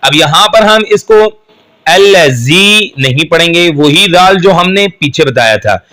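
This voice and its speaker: A man teaching Quran recitation in Urdu, who patiently explains the rules step by step and then chants the verses slowly and melodically. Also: a little high, animated, pushed and bright. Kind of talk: slow step-by-step tajweed lesson.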